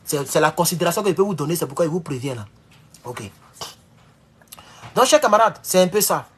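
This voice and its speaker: Animated and brisk, with a husky voice, a man chats to viewers in a casual live stream, rambling between loud, high-pitched outbursts and low, muttered asides.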